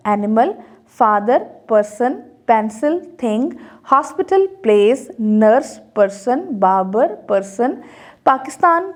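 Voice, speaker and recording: A woman's voice: on the high side, a little mellow. A woman teaching English in a recorded video lesson, walking methodically through textbook exercises item by item. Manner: methodical, walks through answers item by item in Urdu mixed with English.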